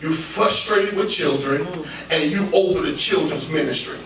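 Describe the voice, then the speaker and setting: A man preaching an interactive sermon with call-and-response, playful and teasing, with bursts of shouting. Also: on the high side, normal speed, crowd noise. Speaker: preacher leading a ministry workshop. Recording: echoey church hall, mic far off, congregation audible.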